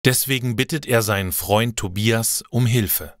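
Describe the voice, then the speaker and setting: A man reading simple stories aloud for language learners, slow and clear. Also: mid-range voice, no echo, studio quality. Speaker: narrator. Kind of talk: scripted narration for language learners.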